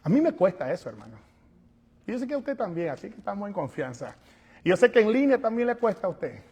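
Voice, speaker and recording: Husky high-voiced preacher in a reverberant church. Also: male voice, fast talker. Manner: animated preaching, acts out little scenes, swings from soft asides to loud calls. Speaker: pastor. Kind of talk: sermon. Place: church sanctuary.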